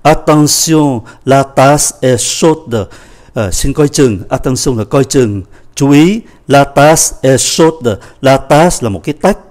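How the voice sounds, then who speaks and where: A man's voice: mid-range voice, lively intonation, measured pace, darkish tone. A man teaching a French lesson, patiently repeating and explaining each phrase. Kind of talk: language lesson explaining a dialogue.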